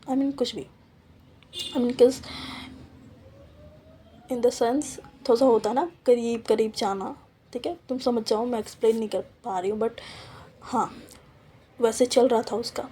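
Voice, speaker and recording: A woman's voice: a little high, fairly even intonation, measured pace, pauses often, dark tone, slight background noise. A woman telling a story in a chatty, casual way, dropping in English asides.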